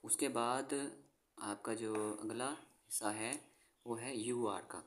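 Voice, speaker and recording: Slow, even-toned man teaching phonics. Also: mid-range voice. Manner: slow and patient, repeats each word twice; frequent "theek hai" check-ins to the viewer. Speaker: English teacher. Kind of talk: phonics lesson, spelling out words letter by letter.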